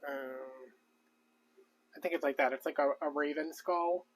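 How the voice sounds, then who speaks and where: A man with a slightly raised pitch rambles through casual live-stream chat. He talks loosely, trailing off and restarting, with lots of fillers as he sorts his craft supplies. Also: steady tone, a little slow. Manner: rambling, chatty, many fillers. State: out of breath. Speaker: crafting vlogger.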